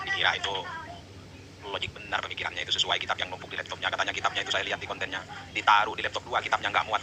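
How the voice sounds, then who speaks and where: A man in a heated online debate, lecturing forcefully and pressing each point. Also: fairly low pitch, noisy background. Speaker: livestream debater.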